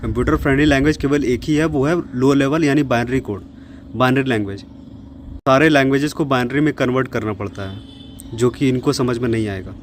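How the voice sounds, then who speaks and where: A man's voice: mid-range voice, a little fast, slight background noise. A man hosting an explainer video, debunking a claim in a critical, lecturing tone with a sarcastic edge. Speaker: fact-check host. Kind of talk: explainer commentary.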